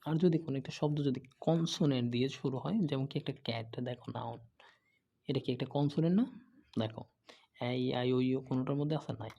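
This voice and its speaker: A man teaches a grammar lesson in a gravelly, mellow voice. He repeats examples and keeps checking that his students follow along. The recording sounds dull and lo-fi. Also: medium pitch, fast. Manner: patient, repeats examples, frequent "okay?" checks. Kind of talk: explaining lesson, asking and answering own questions.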